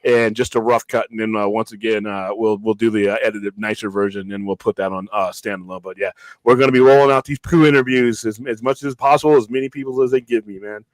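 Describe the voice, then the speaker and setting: A man co-hosting a podcast in casual chat, animated and emphatic, often repeating words as he talks. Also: lowish voice, fast talker, no echo, poor audio. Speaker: podcast co-host.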